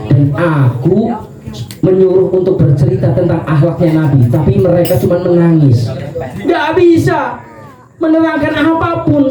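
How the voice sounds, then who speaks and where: A man's voice: on the high side, warm tone, far from the mic, pitched below the performer's own voice, natural voice. A male preacher voicing a desert Bedouin man who keeps earnestly begging to hear about the Prophet's character. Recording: roomy, dull lo-fi recording.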